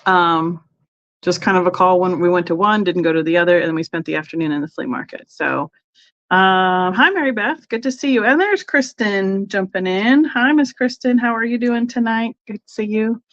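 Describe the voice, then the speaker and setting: A woman's voice: mid-range voice, moderate pace, fairly bright tone, muffled recording. A woman hosting a casual live-stream sale, rambling through her trip and greeting viewers by name.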